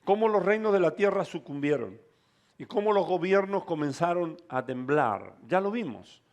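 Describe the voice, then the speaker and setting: A man with a high voice preaches a sermon. He tells the story with drama and calls out to his listeners. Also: animated, normal speed, a little mellow. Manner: calls out to the congregation. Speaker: pastor.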